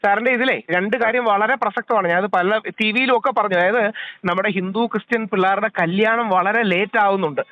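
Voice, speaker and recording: A man's voice: high-pitched, quick pace, no echo. A man asking questions politely and deferentially over a phone line, calling the other man sir. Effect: heard over a phone line. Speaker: interviewer. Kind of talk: casual phone conversation.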